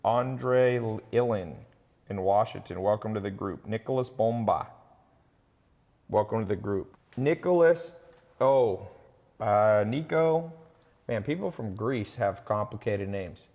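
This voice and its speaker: Chatty man with a low, echoing voice. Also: animated, unhurried, muffled recording. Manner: chatty, boastful, reads out viewer names. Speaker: host of a live online sales talk. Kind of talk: casual live-stream pitch.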